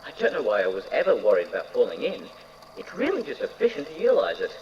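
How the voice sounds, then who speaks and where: Voiced by a man, this eccentric, slightly unhinged scientist records an audio-drama lab log, wondering aloud and quizzing himself with breezy enthusiasm. His pitch swoops wildly, he talks fast with a slightly mellow tone, and he's giddy with excitement. The lo-fi tape sounds dull, with clear background noise.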